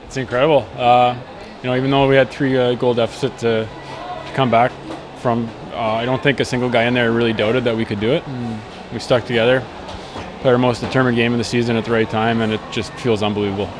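A man's voice: mid-range voice, flat delivery, fairly quick, noisy background. A man in his thirties, a hockey player, giving an earnest, upbeat post-match interview outdoors at night into a handheld mic, with frequent fillers. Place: outdoors at night beside an arena.

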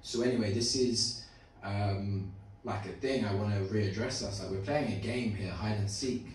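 Male, 20s, lowish voice, open mic speaker with stage fright, informal and rambling, recorded in a very reverberant room. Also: moderate pace. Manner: informal, rambling, earnest with swearing. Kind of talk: live spoken piece to an audience. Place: small indoor open mic venue. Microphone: handheld mic, filmed by phone from audience. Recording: echoey room from far off, faint noise.

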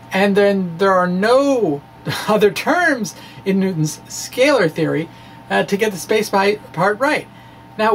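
Seated in a small room with bookshelves, a man who makes science videos reads a physics blog dramatically, adding casual, jokey, folksy asides with quirky theatrics. His high voice carries vocal fry, and the rough recording from a stand-mounted mic in front of him picks up noticeable background noise.

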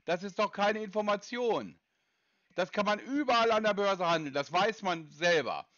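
A man's voice: high voice, normal speed, a bit bright, no room sound, lo-fi sound. A man making a prank call to a scam call center, impatient and lecturing, talking over the other side. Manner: impatient, lecturing, interrupts often. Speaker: scam-baiting caller.

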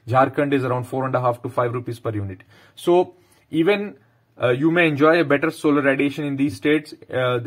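A man in his thirties with an Indian English accent, explaining a topic to camera and pausing often on "uh". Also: medium pitch, breathy edge. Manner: explanatory, frequent "uh" fillers. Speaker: power sector consultant. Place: bedroom, indoors.

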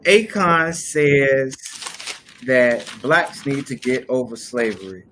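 A man's voice: mid-range voice, lively intonation, takes it slowly, fairly bright tone, a little hiss or hum. A young man hosting a casual discussion on a live video call, explaining at length with many fillers and restarts. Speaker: host. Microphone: webcam on a video call.

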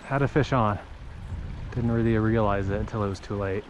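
A fishing vlogger in his thirties narrates his trip at a small creek in an open mountain valley, exclaiming excitedly every time he hooks a fish. His voice is lowish and a little fast, recorded on a head-mounted action camera with a noisy background.

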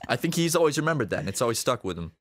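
A man's voice: medium pitch, big pitch swings, racing, fairly bright tone, dry recording. A man co-hosting a podcast, chatting casually and rambling through jokey stories. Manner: rambling, jokey, lots of likes and restarts. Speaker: podcast co-host. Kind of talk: casual chat.

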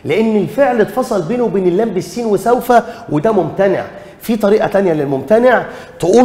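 A man's voice: sits high, darkish tone, roomy sound, in a large hall. A man with an Egyptian Arabic accent teaching an exam revision lesson, emphatic, repeating key rules and quizzing his students.

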